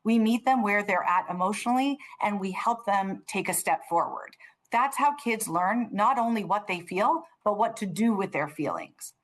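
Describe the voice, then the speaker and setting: A woman presenting a parenting webinar in a calm, measured, explanatory way. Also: medium pitch.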